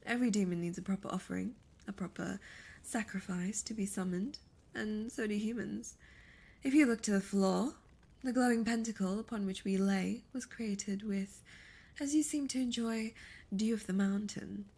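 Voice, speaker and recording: A woman performs a gloating, coy succubus demon for an ASMR roleplay, sounding seductive and imperious. She is breathy and frequently slips into whispers, condescending and theatrical, with a medium-pitched, somewhat dark tone at a normal speed.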